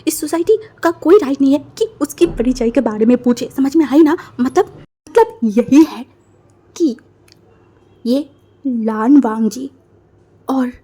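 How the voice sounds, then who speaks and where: High, mellow young woman telling a story. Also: slightly rough. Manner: chatty, breathless, dramatic asides. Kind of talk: casual fan-fiction retelling.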